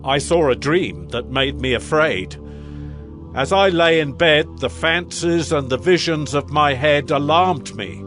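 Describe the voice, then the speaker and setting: Grandiose King Nebuchadnezzar, swooping slow delivery. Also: fairly high pitch, animated, fairly bright tone, faint music behind. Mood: awed recounting. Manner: declamatory, solemn, measured royal delivery. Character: proud, grandiose ancient Babylonian king, awed by wonders. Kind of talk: dramatized audio scripture acting.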